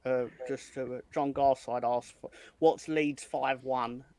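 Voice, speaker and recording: A man's voice: medium pitch, steady tone, slow, a little mellow, a little hiss or hum. A man co-hosting a casual football chat, full of wry, joking asides. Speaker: podcast co-host.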